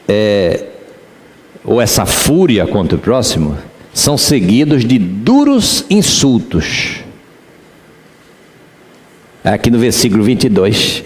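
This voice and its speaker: A man's voice: medium pitch, a little mellow, big-room sound. A man pastor with a Rio de Janeiro accent, preaching a sermon in church and asking the congregation rhetorical questions. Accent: Rio de Janeiro Portuguese.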